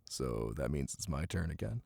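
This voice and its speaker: Rain falls in the background of this close, dry recording made on a close mic without echo, where a man voices a ticklish, affectionate, playful boyfriend reading to his partner in ASMR roleplay. His deep, husky voice swings widely in pitch and is heavily acted, soft, unhurried and teasing with murmured pauses. The mood is tender and affectionate.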